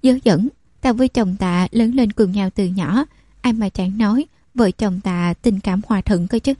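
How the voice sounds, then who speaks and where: A woman's voice: mid-range voice, normal speed, mellow, no echo, lightly acted. A woman voicing a scheming village widow who stammers and wails defensively. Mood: wailing.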